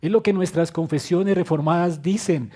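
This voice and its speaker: A man preaching a sermon as pastor, swinging between quiet low phrases and loud emphatic bursts, and asking the congregation direct questions. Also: normal speed. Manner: acts out quoted lines with direct questions to the congregation.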